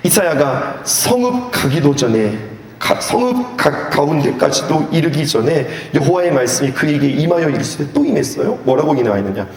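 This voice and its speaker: A male pastor preaching a sermon at a youth retreat in an animated way, asking the audience questions and acting out scenes. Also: on the high side, normal speed. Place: church hall. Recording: echoey hall with faint background noise.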